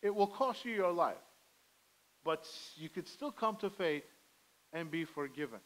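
A man's voice: fairly high pitch, lively intonation, unhurried, poor audio. A middle-aged man preaching a sermon from a church pulpit, earnest and pleading, on a headset mic. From Armenian heritage. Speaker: pastor. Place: church sanctuary, indoors, medium size.

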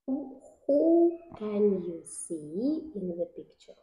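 A young woman teaches a child in an echoey room, with slightly dull sound. She speaks slowly and simply, as to a little one, with lively swings in pitch. Her prompts are short and patient. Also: soft background music. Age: young adult. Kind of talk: one-to-one oral language questioning of a child. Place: small indoor classroom.

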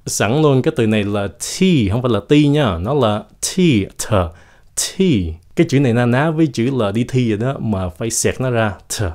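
A man whose first language is Vietnamese, teaching English pronunciation in a casual video lesson, slowly and deliberately demonstrating each word. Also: mid-range voice, lively intonation, a little mellow. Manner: slow, deliberate demonstration of words.

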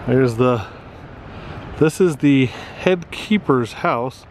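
A man's voice: mid-range voice, animated, very slow, a little mellow, faint music behind. A middle-aged man vlogging casually on a road trip, easygoing and chatty with many fillers, filmed on a handheld camera outdoors and in a car. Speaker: travel vlogger. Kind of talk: casual vlog narration. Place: outdoors on a coastal trail and inside a car.

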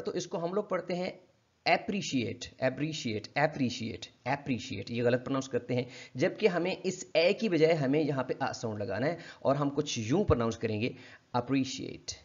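A man from Pakistan, with a Pakistani accent, teaching English pronunciation in an online lesson. He talks politely and formally, explains patiently and repeats each word slowly several times. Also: a little high, lo-fi sound.

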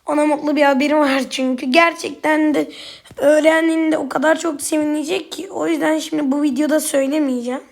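A woman with a high, light voice narrates her gameplay in a casual commentary. She flares up and swears at opponents easily, then turns to chat directly with her viewers. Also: steady tone, gravelly. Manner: quick to anger, swears at opponents; chatty, addresses viewers directly. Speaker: gaming YouTuber.

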